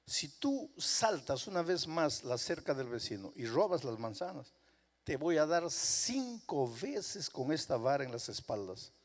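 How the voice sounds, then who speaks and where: A man's voice: fairly high pitch, sing-song, measured pace. A man preaching a sermon, voicing a stern but loving mother scolding her young son in a firm, insistent tone. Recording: long hall reverb.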